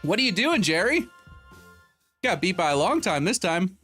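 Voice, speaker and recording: A young man with a slightly high voice hosts a relaxed live stream from a home room, talking into a desk mic. He jokes around and calls out viewer names and donations as they come in. Faint background music plays under his voice. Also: moderate pace, husky. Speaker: streamer host. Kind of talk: casual live-stream chat.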